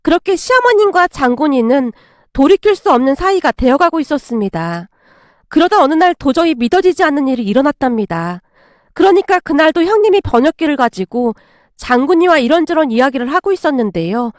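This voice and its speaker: A woman narrates a scripted family story in a high voice. Her delivery is animated with wide pitch swings. The sound is close and dry. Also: a little fast, no echo.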